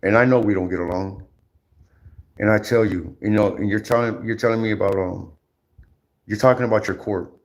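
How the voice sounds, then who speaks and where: A man ranting casually on his livestream, rambling and repetitive, with lots of slang, swearing and halting restarts. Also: fairly low pitch, fairly even intonation.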